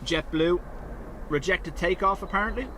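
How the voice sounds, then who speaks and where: A man's voice: sits high, normal speed. A man hosting a plane-spotting livestream with casual live commentary. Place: outdoors near an airport. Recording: outdoor noise, aircraft and traffic.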